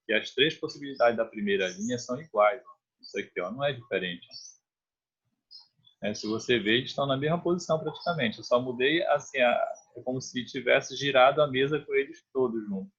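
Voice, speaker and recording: A husky-voiced Brazilian man teaching math in a relaxed, conversational way. He keeps checking that students follow and restarts phrases as he works through each step. The audio is dull and lo-fi, like an online class recording. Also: medium pitch. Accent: Brazilian Portuguese. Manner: explains step by step, often checks with "né?" and "tá?".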